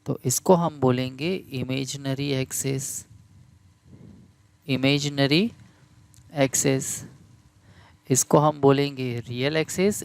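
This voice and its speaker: A medium-pitched man with a darkish tone lectures on math in Hindi mixed with English vocabulary. His delivery is slow and deliberate as he repeats key terms and asks the class questions to make sure they're following, and there's no room sound.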